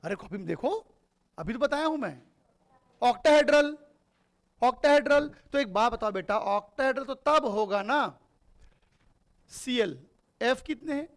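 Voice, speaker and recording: A man's voice: very high-pitched, expressive, moderate pace, pauses often, fairly bright tone. A man teaching a chemistry class. He asks his students questions and answers them himself, calling them "beta". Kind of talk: classroom lecture.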